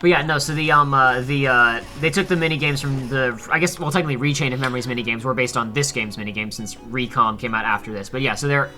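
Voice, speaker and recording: Male let's play co-host, coaching tone, forceful bright delivery, medium pitch, casual. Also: fast, hardly any pauses. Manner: explanatory, coaching. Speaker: gaming guide and co-host. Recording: game music behind the voice.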